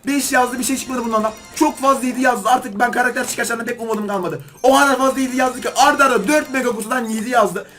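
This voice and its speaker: A man doing excited gaming commentary as a YouTuber, pleading with and scolding the game while opening loot boxes. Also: extremely high pitch, quick pace, few pauses, faint music behind.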